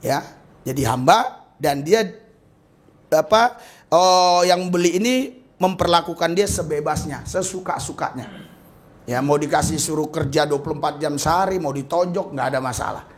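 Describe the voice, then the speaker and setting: A male pastor preaching a sermon, jumping in pitch and loudness for emphasis and acting out the people he quotes. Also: moderate pace. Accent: Indonesian.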